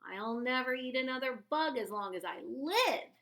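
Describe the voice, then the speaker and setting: Storybook bat child, female, acted by a woman: squeaky, earnest, excitable, very bright. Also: moderate pace, vocal fry, heavily acted. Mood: excited. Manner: squeaky, exclaiming. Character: young bat raised by birds, earnest, excitable girl. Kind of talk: children's storybook read-aloud.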